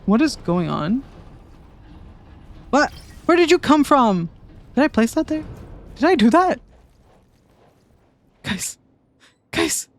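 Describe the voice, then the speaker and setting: A woman streaming a game playthrough, reacting excitedly, giggling and talking to her viewers. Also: sits high, slow, pauses often.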